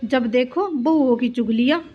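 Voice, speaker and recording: A woman's voice: high-pitched, normal speed. A woman voicing a rude young daughter-in-law who taunts her mother-in-law. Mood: scolding. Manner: taunting, scolding. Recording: dull lo-fi with faint music.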